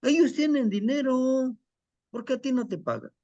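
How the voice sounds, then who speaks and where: A man's voice: normal speed, dark tone, muffled recording. A man voicing a resentful, greedy young son who complains bitterly. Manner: indignant, complaining, voice rising high.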